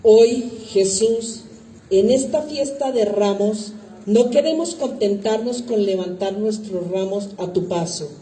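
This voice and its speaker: Very dark-voiced woman reading devotionally, echoey. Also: mid-range voice, unhurried. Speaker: liturgical reader. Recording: echoey hall, distant mic, faint noise.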